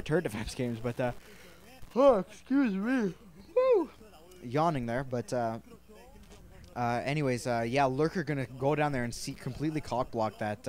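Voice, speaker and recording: A man casting a strategy game match in a loose, chatty play-by-play style, with frequent filler words and bursts of excitement. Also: medium pitch. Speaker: esports caster. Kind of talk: casual play-by-play commentary.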